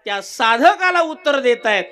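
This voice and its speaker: A man's voice: very high voice, normal speed. A man giving a humorous devotional sermon, telling stories and asking the audience questions. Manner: animated storytelling, jokes and questions to the audience. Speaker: kirtan preacher.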